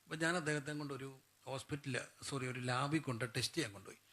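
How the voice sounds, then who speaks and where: A man's voice: mid-range voice, racing, bright, forceful tone. A man preaching a sermon. He keeps putting questions to the congregation and answering them himself.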